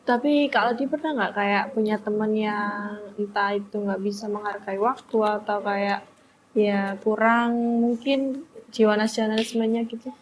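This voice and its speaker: A young woman hosting an interview, asking lively, curious questions in a casual, friendly way. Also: medium pitch, a little slow, slight background noise. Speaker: interview host.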